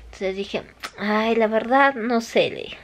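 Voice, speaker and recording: A young woman with a Peruvian Spanish accent, telling a personal story to her vlog audience in a chatty, animated way and acting out the people she quotes. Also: on the high side, measured pace. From Peru. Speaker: vlogger. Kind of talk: casual storytelling.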